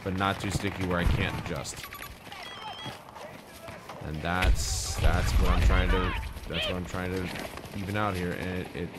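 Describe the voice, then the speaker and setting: Low-voiced man streaming casual game commentary. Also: little pitch movement, a little slow, long pauses. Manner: profane, informal, muttering to himself. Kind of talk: casual live gameplay commentary. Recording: loud game gunfire and vehicle noise. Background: video game battle sounds.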